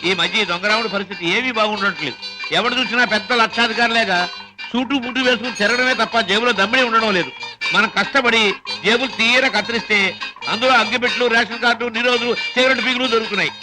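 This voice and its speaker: A man's voice: very high voice, steady tone, quick pace, music in the background. An actor playing a cheeky, theatrical male pickpocket who brags and puts on melodramatic wailing, in 1980s film style. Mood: grumbling. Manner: boastful patter, staged melodramatic wailing.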